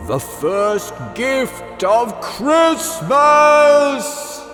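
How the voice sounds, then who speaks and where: A man voicing a jolly, kindly old Santa Claus with slow, drawn-out delivery in a storybook reading. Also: very high-pitched, expressive, fairly bright tone, roomy sound, long reverb tail, voice pushed up, exaggerated voice. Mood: jubilant. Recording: background music under the voice.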